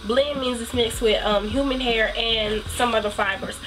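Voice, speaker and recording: A woman with a stuffed-up nose chats her way through a tutorial at home in a slightly high voice. She rambles easily and fills her pauses with ums. Music plays clearly in the background while she talks to the camera. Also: steady tone, rough recording. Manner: chatty, rambling, many ums. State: stuffy from a cold. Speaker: hair vlogger. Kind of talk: casual tutorial chat.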